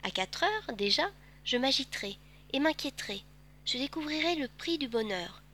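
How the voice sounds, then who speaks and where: A woman voicing a gentle, wistful male fox who speaks patiently and tenderly in a storybook reading. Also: high-pitched, expressive, moderate pace, a little hiss or hum.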